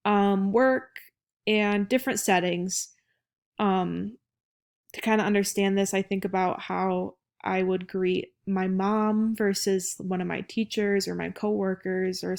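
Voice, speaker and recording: A woman's voice: medium pitch, vocal fry, darkish tone. A young adult American woman giving an informal academic presentation as a student, somewhat hesitant and partly reading aloud.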